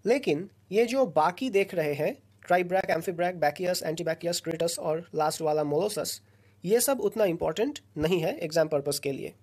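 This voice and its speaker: A woman gives a recorded lecture in a patient, explanatory way. Her voice sits a little low. She talks in short phrases and pauses often between them. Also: animated, darkish tone. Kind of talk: recorded lesson explaining a slide.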